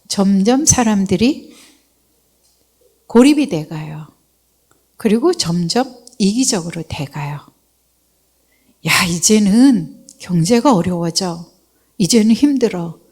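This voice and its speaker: A woman missionary from Seoul giving a lively, humorous testimony in a church service, acting out the voices she quotes. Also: medium pitch. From Seoul, South Korea.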